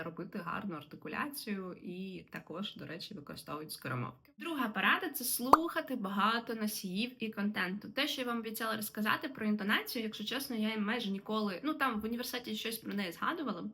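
A young woman from Ukraine, an English teacher, giving a relaxed, chatty lesson to camera with fillers and laughs. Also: mid-range voice.

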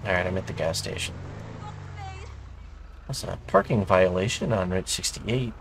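Playing a cop in a roleplay game, this man alternates radio chatter in character with offhand conversation, swearing and staying animated as he describes what he's doing. He has a low voice with vocal fry and keeps a moderate pace over background noise.

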